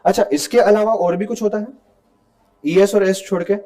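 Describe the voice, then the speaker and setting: A man's voice: sits high, steady tone, moderate pace, dark tone. A male teacher giving a classroom grammar lecture, talking casually and often checking that students follow along. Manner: conversational, mixes English terms into Hindi, asks students to confirm.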